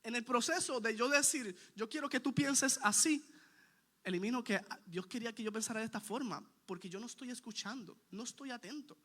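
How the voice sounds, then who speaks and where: A man's voice: very high-pitched, quick pace, few pauses, a bit bright. A man preaching a sermon in an earnest, emphatic way, repeating his points and putting questions straight to the congregation.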